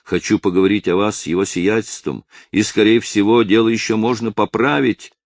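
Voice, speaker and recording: A man voicing an old village elder who loudly pleads with and commands rebels, read in an audiobook. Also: lowish voice, steady tone, fairly quick, no room sound, studio quality, voice pushed up, lightly acted. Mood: urging. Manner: loud impassioned pleading. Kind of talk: audiobook character reading.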